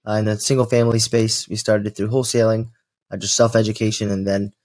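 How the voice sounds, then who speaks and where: A man's voice: fairly low pitch, flat delivery, fast talker, darkish tone. A twenty-year-old American man, a podcast guest speaking casually with many fillers. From United States. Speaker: guest, real estate investor. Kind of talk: interview storytelling.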